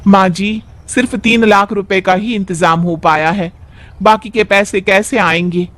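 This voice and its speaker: A man's voice: high voice, steady tone, measured pace, a bit bright. A man voicing a determined young village daughter-in-law, earnest, respectful and dutiful. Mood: concerned.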